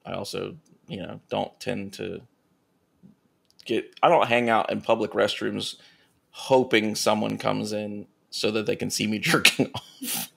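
A man co-hosting a comedy podcast, reading erotica aloud with deadpan asides and casual chat. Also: on the low side, unhurried, vocal fry, husky. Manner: deadpan asides between read passages. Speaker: podcast co-host reading stories.

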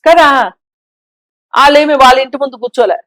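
A woman guest on a talk show, giving her opinions forcefully and pressing her point with rhetorical questions. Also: high voice, a little fast, no echo. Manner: emphatic, argues with rhetorical questions. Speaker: social commentator guest.

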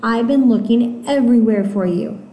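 A woman's voice: mid-range voice, measured pace, dark tone, a little hiss or hum, close to an everyday voice. A woman doing an anxious young boy calling out. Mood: urgent. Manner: urgent, raised pleading voice. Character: worried young boy searching for his sister. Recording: roomy echo.

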